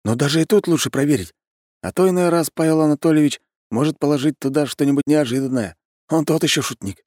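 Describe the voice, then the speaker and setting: A man's voice: fairly high pitch, fast, darkish tone, no room sound, studio quality, pitched above the performer's own voice, close to an everyday voice. A man reading an audiobook, voicing a self-assured young man who explains things matter-of-factly. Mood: explaining.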